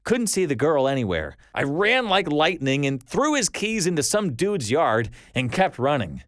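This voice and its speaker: A man reads collected stories aloud for his channel in a scripted narration style. His pitch swings widely as he tells them, keeping the delivery animated. The sound is dry and close, with no room around it. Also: moderate pace, no echo. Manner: animated storytelling read-aloud.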